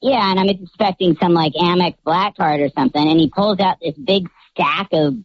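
A man calling in anonymously through a pitch-shifting voice changer, telling a story in a cheery, chatty way with lots of casual asides. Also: fairly quick, no room sound. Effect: pitch-shifting voice changer disguising his voice. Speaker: anonymous caller. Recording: muffled lo-fi call audio.

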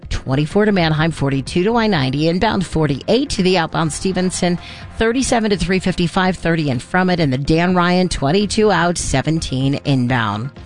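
Woman traffic reporter, loud dense radio read, packed and rapid, faint music underneath. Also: on the low side, lively intonation.

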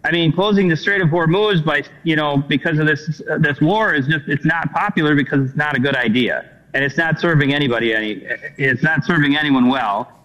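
A man's voice: on the high side, a little fast, a bit bright. A dairy farmer from Wisconsin, a man, talking folksy and plain in a remote news interview over a poor rural internet connection. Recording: dull lo-fi remote call audio.

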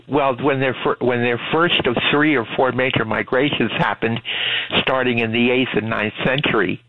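A man's voice: mid-range voice, fairly even intonation, moderate pace, dry recording. A man calling in to a casual talk-radio conversation, explaining his subject at length in a knowledgeable way. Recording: tinny phone line.

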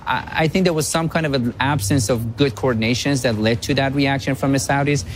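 A man's voice: medium pitch, fairly even intonation, a little fast, slight background noise. Male analyst, firm and emphatic, mid-range voice, guest on a talk radio interview. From Iran.

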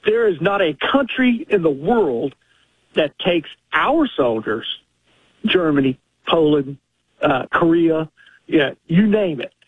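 A man's voice: a little high, animated, slow, slightly rough, no echo. A man in his sixties calling in to a radio talk show, explaining earnestly at length. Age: 60s. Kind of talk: casual talk radio call. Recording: tinny phone line.

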